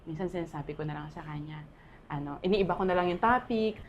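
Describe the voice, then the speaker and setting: A woman's voice: lowish voice, fast, lo-fi sound, a little hiss or hum. A Filipino woman in her thirties, candidly sharing a painful personal testimony and laughing often as she talks.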